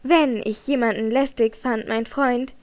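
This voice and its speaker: In an audiobook, a woman reads a troubled young singer, tense and trembling under pressure. Her voice sits fairly high and carries a brittle edge. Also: fairly even intonation, measured pace, close to an everyday voice. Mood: tense defensive. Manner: tense, trembling, icy at times. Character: young female opera singer, troubled and evasive. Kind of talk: audiobook character reading.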